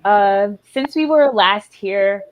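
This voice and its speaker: Woman, psychologist panelist, measured delivery, muffled call sound. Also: medium pitch. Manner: measured, self-introducing, with ums. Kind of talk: casual online panel talk.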